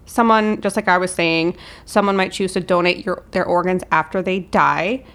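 Female podcast co-host, lowish voice, casual and explanatory. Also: fairly even intonation, moderate pace, fairly bright tone. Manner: informal, conversational.

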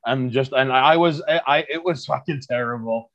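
Queens man in his thirties, mid-pitched, rambling profane podcast guest, slightly muffled lo-fi audio. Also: moderate pace, a bit bright. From Queens, New York. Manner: rambling, profane storytelling with stammered restarts. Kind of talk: casual podcast chat.

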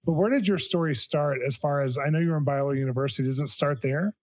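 A man hosting a faith podcast, talking with excitement and gushing praise about his guest. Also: fairly high pitch, quick pace. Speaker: podcast host. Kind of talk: enthusiastic interview and intro.

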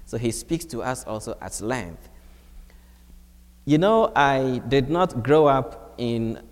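Slow-preaching priest in a church. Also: male voice, lively intonation. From Ghana. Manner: slow, measured preaching with wide swings of pitch. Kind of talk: homily at Mass. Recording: long church reverb.

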